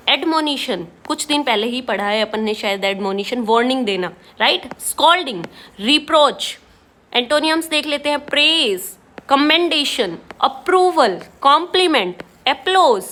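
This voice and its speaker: A high-pitched woman with an Indian accent leads an exam-prep vocabulary lesson. She explains words in Hindi, then reads English example sentences slowly and deliberately. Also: sharp tone.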